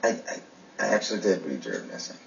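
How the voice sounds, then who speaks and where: A prickly sarcastic young boyfriend. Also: male voice, low voice, very animated, quick pace, creaky, full character voice. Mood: reluctant. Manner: stammering restarts, dry sarcasm. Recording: distant, dull TV soundtrack.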